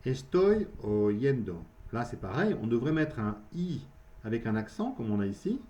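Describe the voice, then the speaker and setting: Man teaching Spanish, lively patient explainer. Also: medium pitch, highs cut off. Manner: explains in French, models Spanish slowly, checks with "ok?". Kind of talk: beginner grammar lesson.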